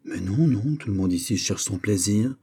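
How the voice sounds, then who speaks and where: A man's voice: fairly low pitch, expressive, normal speed, mellow, slightly rough. A man voicing an older queen mother who speaks coolly and firmly, chiding her son. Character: stern queen mother, older woman, cool and dismissive.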